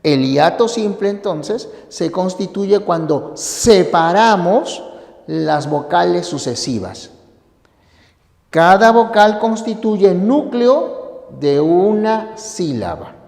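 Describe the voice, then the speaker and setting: A teacher slowly explaining a grammar lesson, asking rhetorical questions to the students. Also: mid-range voice, very animated, a little mellow. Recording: echoey room with long reverb.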